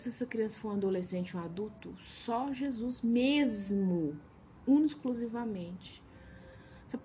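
A woman's voice: fairly high pitch, warm tone, a little hiss or hum. Blunt Brazilian woman teaching Bible verses. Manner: blunt and emphatic, scolding asides; reads a verse, then comments conversationally. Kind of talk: informal devotional teaching over Bible verses.

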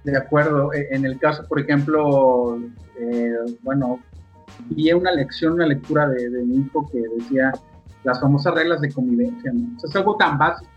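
A man's voice: mid-range voice, moderate pace, highs cut off, soft background music. A man with a Mexican accent hosts a casual sports talk show, speaking conversationally with many fillers and asides. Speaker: podcast host.

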